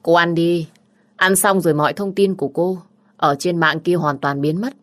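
A woman voicing a calm, tender young man who speaks softly in an audio story. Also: moderate pace, no room sound, studio quality, lightly acted. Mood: teasing calm. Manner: soft, low, gentle delivery.

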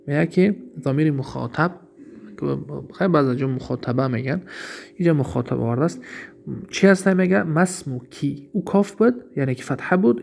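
A man with a Tajik accent teaches Arabic grammar in a recorded lesson, his mid-range voice dark-toned with vocal fry. He explains slowly, reads each example and then translates it, and asks himself questions that he then answers.

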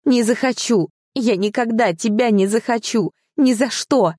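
A woman voicing a defiant, tearful young bride in an audiobook, pleading in a high, strained voice. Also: moderate pace, a little mellow, no echo, studio quality, close to an everyday voice. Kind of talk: audiobook character voice.

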